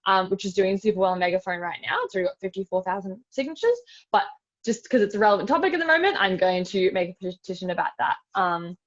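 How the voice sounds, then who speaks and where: In a quick, animated, mid-range voice, an Australian presenter walks viewers through an informal webinar demonstration step by step, keeping it casual and chatty with frequent "like" and "super". The audio, from a video call, is dull and lo-fi.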